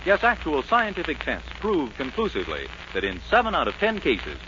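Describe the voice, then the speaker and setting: A man's voice: a little high, huge pitch swings, brisk, background noise. A man announcing a 1940s radio show in a polished, emphatic scripted delivery. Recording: muffled 1940s radio recording.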